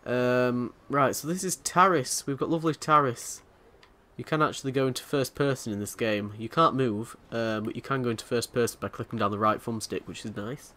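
A man's voice: medium pitch, steady tone, fairly quick, pushed and bright. Man joking through a game playthrough. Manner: joking and crude, talking back to the game characters. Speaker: let's play host. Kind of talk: casual gameplay commentary.

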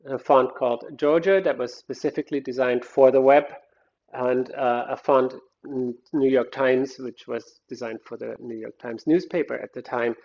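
A man's voice: mid-range voice, fairly even intonation, normal speed, creaky, a little mellow, dull audio. A man teaching a design lecture over slides, explaining step by step and often restarting his sentences. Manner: explanatory, thinks aloud with frequent restarts. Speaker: design instructor.

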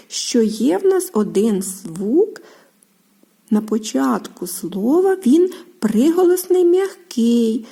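A woman teaching small children to break words into sounds and syllables, in a patient, sing-song manner with soft, partly whispered speech. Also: on the high side, breathy edge. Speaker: preschool teacher.

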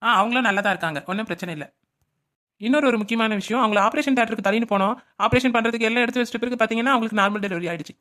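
Woman doing a blunt rapid-fire cartoon doctor. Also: a little high, a bit bright, lightly acted. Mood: reassuring. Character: matter-of-fact woman doctor.

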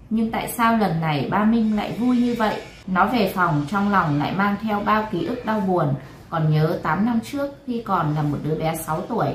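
A woman storyteller reading late-night tales with a calm, even delivery. Her voice is mid-pitched. The room gives a roomy echo and a faint background hiss. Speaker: storyteller host.

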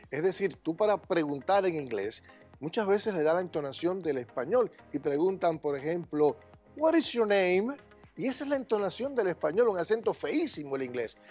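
Un hombre, director de una escuela de inglés, responde una entrevista de forma enfática y tajante, demostrando entonaciones en inglés. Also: male voice, on the high side, a little mellow, breathy edge. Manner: emphatic, opinionated, demonstrates English intonation. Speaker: English teacher and school director. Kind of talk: interview answers.

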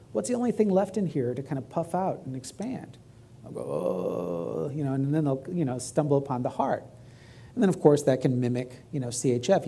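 A middle-aged man with a gravelly, husky voice and a drawl gives a urology talk as a medical grand rounds lecture from a lecture-hall stage. His pitch is on the high side, his tone dark and mellow, and he stays conversational, often checking in with "right?".

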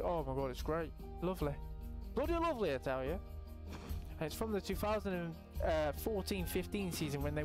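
A young man giving casual, excitable gameplay commentary, chatting and swearing freely to his viewers. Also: a little high. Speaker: gaming YouTuber.

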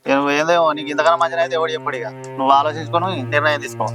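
Guy doing a scolding village elder, talks super fast, faint music under. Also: on the high side, fairly even intonation, lightly acted, poor audio. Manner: scolding, lecturing. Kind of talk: village drama acting.

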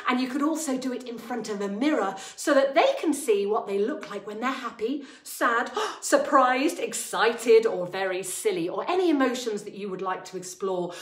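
A woman in her thirties presenting a drama class to young children in an exaggerated, overbright kids party host manner, theatrical and expressive. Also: fairly high pitch, moderate pace, few pauses. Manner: theatrical, expressive, acting out emotions. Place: attic-style studio room, indoors. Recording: roomy echo, music at times.

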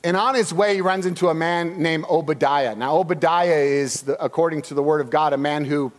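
A man preaching a sermon as a pastor, telling the story in an animated way and acting out the people in it. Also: fairly high pitch, fairly quick. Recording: long hall reverb.

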